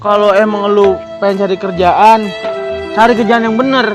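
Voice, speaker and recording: A man with a Betawi accent acting in an amateur comedy short, scolding and bossing others around in loud village banter. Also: sits high, fairly even intonation, moderate pace, music in the background. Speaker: village tough confronting extortionists.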